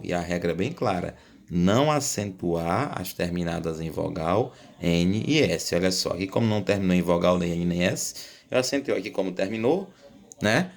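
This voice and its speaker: A man teaching a Spanish lesson to Portuguese speakers, who keeps checking in with "right?" tags and repeats each key point. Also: fairly low pitch. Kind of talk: classroom lesson explaining rules.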